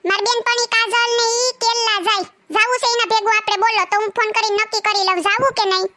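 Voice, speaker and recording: A woman's voice: very high voice, little pitch movement, fast, sharp tone. A woman playing a nagging young wife who scolds and complains sarcastically, speaking. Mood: scolding.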